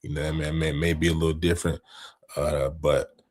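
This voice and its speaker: Deep-voiced man in casual sports chat. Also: level tone, a little fast. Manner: laid-back, slangy, repeats "you know what I mean". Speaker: podcast co-host.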